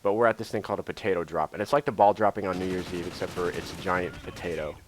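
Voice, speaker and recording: A young man tells a long, rambling story in a casual vlog, his voice sitting a bit low. He fills it with "like" and swearing as he goes. Faint game gunfire and clicks run quietly behind him. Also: fairly even intonation, fast talker, slight background noise. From Idaho. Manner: rambling, lots of filler words and swearing. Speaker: YouTuber. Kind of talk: casual storytelling over gameplay.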